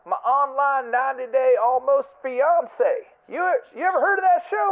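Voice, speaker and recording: A man's voice: very high-pitched, moderate pace, a little hiss or hum. A man putting on a cheerful, clueless caller who rambles obliviously and chuckles, heard as a voicemail over a phone line. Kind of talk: comedic prank voicemail.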